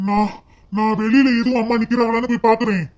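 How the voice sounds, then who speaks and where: Someone voicing a brisk worried village son. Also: mid-range voice, little pitch movement, background noise, close to an everyday voice. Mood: alarmed. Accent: southern Tamil, Tirunelveli. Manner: brisk, pleading questions. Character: concerned grown son, man of the village house.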